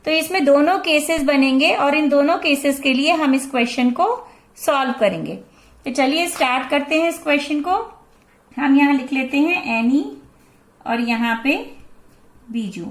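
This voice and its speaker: Indian woman, math teacher, high voice, patient explaining, roomy echo. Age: 40s. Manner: slow, patient explaining that mixes Hindi and English. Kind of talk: classroom lesson explaining a math problem.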